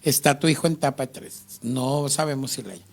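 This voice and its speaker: A man with a medium-pitched voice hosts an interview. He talks in a relaxed, conversational way and prompts his guest to go on with her story. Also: brisk, vocal fry. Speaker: host.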